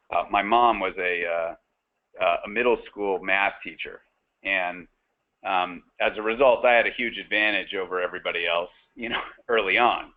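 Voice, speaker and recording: Male webinar host, low voice, halting delivery full of fillers, phone-line sound. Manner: halting, many fillers and restarts. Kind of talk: webinar panel discussion. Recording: tinny phone-line audio.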